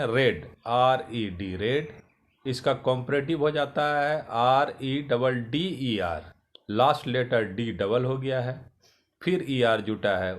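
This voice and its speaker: A male teacher giving a slow grammar lesson, spelling out words letter by letter. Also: medium pitch.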